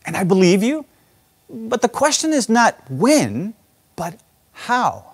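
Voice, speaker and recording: A man's voice: high-pitched, sing-song, slow pace, gravelly. A man preaching a sermon in church, reading scripture aloud and stressing repeated words with emphasis. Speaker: pastor.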